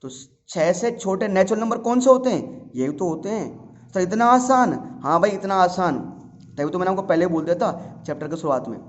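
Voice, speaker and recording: A man's voice: high voice, animated, moderate pace. A man from Uttarakhand tutoring maths in a casual, coaxing way, asking questions and answering them himself. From Uttarakhand, India. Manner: chatty, coaxing, answers his own questions in students' voice. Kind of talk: casual classroom explanation. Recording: dull lo-fi sound.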